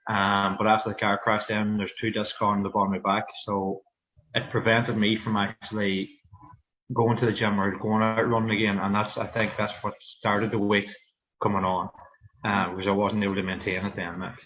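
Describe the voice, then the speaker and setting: A man with a Donegal Irish accent, speaking candidly and haltingly as a guest in a casual interview. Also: fairly low pitch, flat delivery. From Donegal, Ireland. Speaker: interview guest, fitness programme client. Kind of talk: casual personal interview on a livestream. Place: online video meeting. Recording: muffled, lo-fi video call audio.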